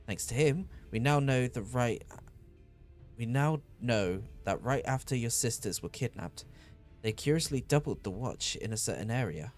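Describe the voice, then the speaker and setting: A man voicing an earnest loyal ally who reports news in a measured way. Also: medium pitch, expressive, a little mellow, soft background music, natural voice.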